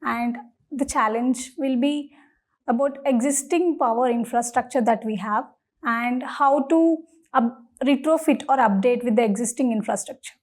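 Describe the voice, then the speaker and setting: Indian woman, high voice, formal and slightly hesitant interview candidate, deferential to the panel. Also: moderate pace, darkish tone. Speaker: candidate in mock civil service interview.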